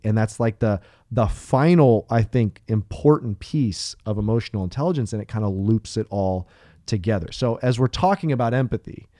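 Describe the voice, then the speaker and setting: A man's voice: mid-range voice, warm tone, dry recording, studio quality. A man co-hosting a podcast, explaining ideas earnestly and thinking aloud with restarts and fillers. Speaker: podcast co-host. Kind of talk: casual podcast discussion.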